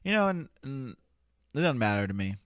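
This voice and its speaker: In an indoor studio, a spoken word poet appearing as a podcast guest rambles through casual interview answers, hesitating often and leaning on "you know." His mid-range voice is sing-song and fairly bright, his pace fairly quick, and there's no room sound.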